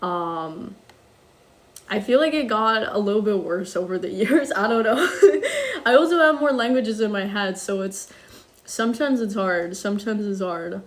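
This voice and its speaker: Her voice mid-range and expressive, a young woman cooks on a livestream, casually chatting and reading comments from viewers. She speaks international-school English tinged slightly with German, staying chatty and self-deprecating, with lots of ums and quick sorries.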